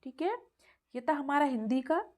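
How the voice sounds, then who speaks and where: A woman's voice: sits high, animated, normal speed, darkish tone. Patient woman teacher walking kids through answers. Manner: patient, repeats answers and calls the listener "beta". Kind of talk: explaining exam answers to young children.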